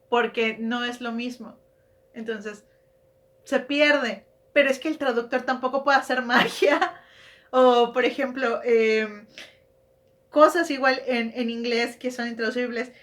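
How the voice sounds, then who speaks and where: A woman's voice: sits high, a bit bright. Chatty woman. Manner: chatty, self-correcting, rhetorical questions. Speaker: book vlogger. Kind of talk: casual explanatory monologue.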